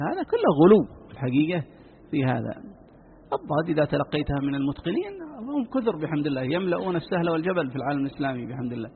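A man, a sheikh teaching Quran recitation, answers listeners' written questions in a measured way, with many "I mean" fillers. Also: a little high. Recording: tinny phone-like lecture recording with faint hiss.

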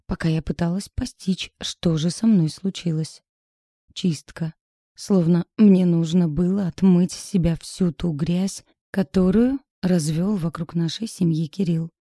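A woman reads a first-person story in a measured, intimate, inward voice. It is low, very dark and gravelly, with a husky grain. The recording is dry and close. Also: no room sound. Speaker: audiobook narrator. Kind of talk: first-person audiobook narration.

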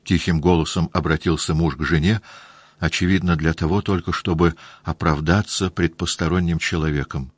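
A man narrating a classic novel in a steady, measured reading. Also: low-pitched, husky, no echo. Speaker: audiobook narrator.

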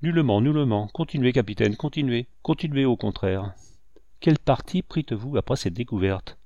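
A man's voice: medium pitch, expressive, normal speed, mellow, dry recording, muffled recording, natural voice. A man reading as a grave, anguished commander. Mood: stern. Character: grave, anguished male commander, proud and restrained.

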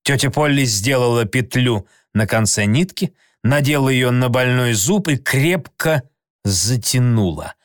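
A man narrating a storybook in expressive scripted narration. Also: mid-range voice, unhurried, no room sound, clean studio sound. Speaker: audiobook narrator.

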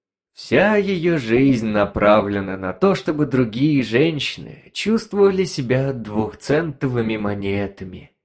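A man's voice: mid-range voice, animated, unhurried, creaky, voice pushed up. A man voicing a sly, insinuating talking device that whispers neighbourhood gossip in a story reading. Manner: insinuating, snickering.

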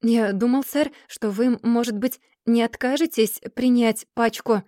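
A woman's voice: on the high side, measured pace, warm tone, no echo, clean studio sound, close to an everyday voice. A woman voicing a timid, humble young man who speaks meekly and politely, with a stammer.

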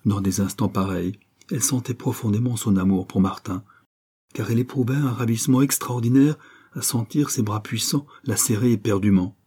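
A man narrating a classic novel as an audiobook in a measured, expressive manner. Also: fairly low pitch, husky.

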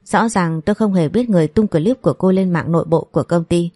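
A woman's voice: fairly low pitch, fast, warm tone, dry recording, natural voice. Spiteful jealous young woman, read by a woman. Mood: fake whining. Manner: sneering, insulting.

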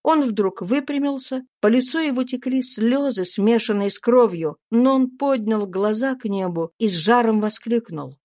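A woman reading a classic novel aloud as an audiobook narrator, in even, measured storytelling. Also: a little high, no room sound, studio quality. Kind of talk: scripted literary narration.

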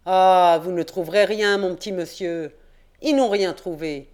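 A woman reading an audiobook, voicing a grumpy rustic old male caretaker in his sixties with gruff, folksy country speech. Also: on the low side, big pitch swings, moderate pace, a little mellow. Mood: grumbling.

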